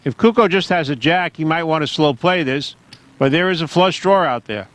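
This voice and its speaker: A man's voice: a little high, lively intonation, normal speed, a bit bright. A man calling a poker tournament in a wry, joking commentary style.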